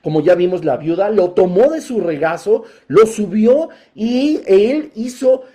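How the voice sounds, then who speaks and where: A man preaching a Bible teaching sermon, emphatic, inviting listeners to picture each scene and swelling into loud, forceful passages. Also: high-pitched, lively intonation, a little slow.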